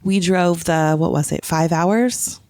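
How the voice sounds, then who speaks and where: A woman co-hosting a podcast recounts a trip in casual, conversational storytelling. Her voice is fairly low and a little mellow, and she takes it slowly. The studio-quality recording has no room sound.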